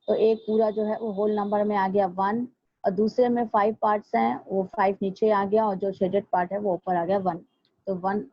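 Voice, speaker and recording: A woman school teacher, patiently explaining a maths lesson step by step and slowing down to repeat things for her students. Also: mid-range voice, dry recording. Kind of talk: recorded online maths lesson. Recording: dry, dull lo-fi home recording.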